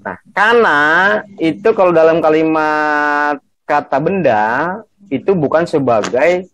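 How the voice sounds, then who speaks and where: A man's voice: on the high side, expressive, a little slow, highs cut off. A man teaching a class on Quranic grammar over a video call, explaining patiently and checking in with his students.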